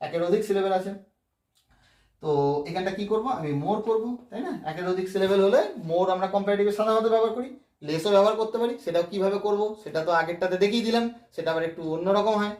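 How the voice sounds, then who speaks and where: A man's voice: high voice, quick pace, a little mellow. A man teaching English grammar, explaining step by step and often checking that his students follow. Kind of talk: Bengali-language grammar lesson. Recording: echoey room, mic at a distance.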